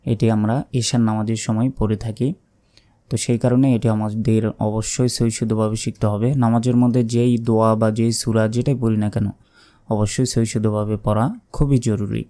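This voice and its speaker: A man teaching prayer recitation, drawing out each word slowly between quick explanations. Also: on the low side, flat delivery, mellow. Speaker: religious teacher. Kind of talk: recitation lesson.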